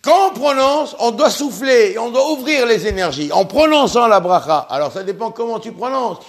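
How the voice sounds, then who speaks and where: A man giving a religious lesson on prayer, impassioned, repeating himself and slowly sounding out Hebrew syllables. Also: very high-pitched, lively intonation. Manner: impassioned, repeats himself, stumbles and restarts words. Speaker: rabbi teaching on prayer.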